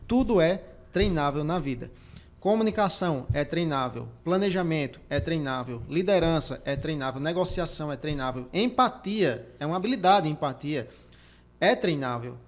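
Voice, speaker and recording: A man's voice: fairly high pitch, lively intonation, normal speed. A man hosting a career podcast, speaking emphatically and repeating his key points as he demonstrates speaking techniques. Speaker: career coach and podcast host. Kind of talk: motivational podcast talk.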